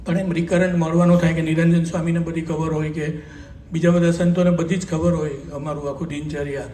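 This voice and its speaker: A man's voice: on the high side, flat delivery, a little fast, mellow, far from the mic. A man with a Gujarati accent, a doctor giving a devotional talk at a Sunday assembly, telling a memory in a conversational way and quoting others. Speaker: doctor recounting a spiritual memory. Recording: echoey hall, voice from afar, faint hum.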